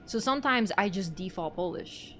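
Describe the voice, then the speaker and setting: A young woman from Canada chatting on a live stream, rambling, giggly and quick to apologize. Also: mid-range voice, animated, soft background music. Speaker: livestreamer. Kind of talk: casual live-stream chat.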